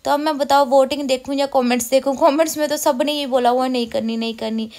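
Talking fast in a high-pitched, darkish voice with fairly even intonation, a vlogger from India in her thirties chats about her day as she does household chores. She rambles and frequently corrects herself.

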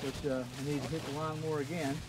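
A man's voice: on the high side, level tone, fast, a little mellow. A man, chatting casually and easily while helping out on the farm. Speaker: farm co-host. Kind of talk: casual chat. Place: outdoor farmyard. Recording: noisy outdoor farm, chickens clucking. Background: chickens and rooster.

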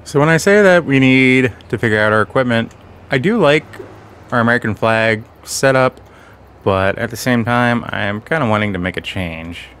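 A man's voice: mid-range voice, expressive, moderate pace, a bit bright, clear, resonant tone. A man hosting casual game commentary, talking slightly off as he guards a sore, bitten tongue. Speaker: gaming channel host.

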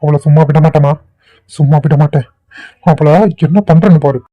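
A vengeful jilted man, played by a man threatens in a flat, slightly high voice. The homemade cartoon audio is tinny and phone-like, and very dry. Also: moderate pace, dry recording, close to an everyday voice. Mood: furious. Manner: angry, threatening. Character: hot-tempered jilted man, vengeful and blustering. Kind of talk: amateur cartoon voice acting.

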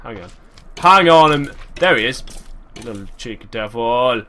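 A man giving chatty, excitable gameplay commentary, thinking aloud and breaking into sudden exclamations. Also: mid-range voice, normal speed. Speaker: gaming channel host.

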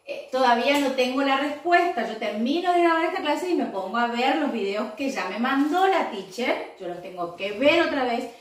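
A woman teaching a recorded English class for young pupils, explaining step by step and often checking with a quick "¿sí?". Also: high voice, animated. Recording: very echoey room, voice far from the mic.

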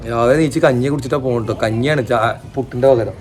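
A man's voice: mid-range voice, quick pace, darkish tone. A young man, chatting casually to camera for a family vlog and teasing his daughter with questions. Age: young adult. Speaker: vlogger father. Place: outdoors by a roadside. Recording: noisy outdoor ambience.

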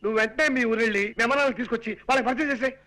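An actor playing a chatty, meddling best friend who hands out advice in a comedy film. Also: male voice, extremely high pitch, very fast, bright, forceful tone. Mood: advising. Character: meddling comic best friend, young man. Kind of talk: Telugu comedy film acting.

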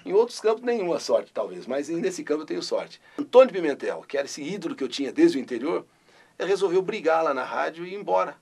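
A man's voice: on the high side, big pitch swings, fast talker, vocal fry, darkish tone, slightly rough. An older man from Brazil, a radio host telling his story in an interview and bursting into his catchphrase. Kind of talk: interview recollection.

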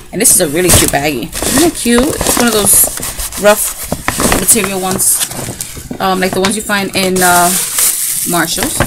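A woman talking casually on a craft haul vlog, telling a rambling, animated story about her shopping trip. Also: medium pitch. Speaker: craft vlogger. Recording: clicky background noise.

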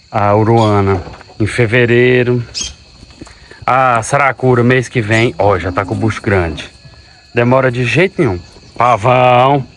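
A man's voice: mid-range voice, a little hiss or hum. A man, a dairy farmer chatting casually and fondly talking to his cows on a farm. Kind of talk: casual farm vlog narration. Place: outdoors on a cattle farm. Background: faint animal, bird and insect sounds.

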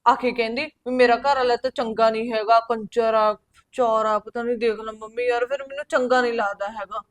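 A woman's voice: fairly high pitch, steady tone, brisk, close to an everyday voice. A young woman playing a married daughter venting in exasperation in a village family drama. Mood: exasperated.

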